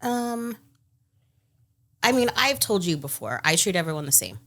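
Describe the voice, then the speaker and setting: A woman's voice: medium pitch, big pitch swings, moderate pace, fairly bright tone. A woman who manages a restaurant, talking as a guest in a casual chat, blunt and direct. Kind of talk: casual talk show chat.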